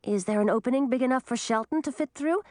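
A woman's voice: a little high, quick pace, a little mellow, dry recording, clean studio sound, pitched above the performer's own voice, lightly acted. A woman reading a storybook and voicing an anxious young female creature. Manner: worried, earnest.

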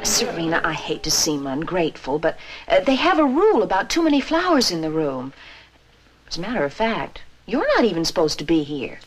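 An actress playing a gentle, apologetic young witch and new mother in a sitcom. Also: lowish voice, sing-song, brisk, breathy edge, faint music behind.

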